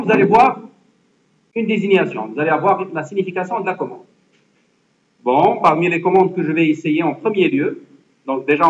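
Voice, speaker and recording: A man teaching a computer lesson to a class, explaining step by step and often checking that students follow. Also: sits high. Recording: echoey classroom, dull lo-fi sound.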